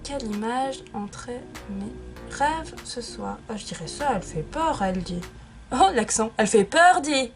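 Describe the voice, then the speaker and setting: A woman's voice: fairly high pitch, expressive, a little slow, music in the background. Chatty self-mocking young woman vlogger. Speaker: YouTuber. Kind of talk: casual vlog chat. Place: her bedroom.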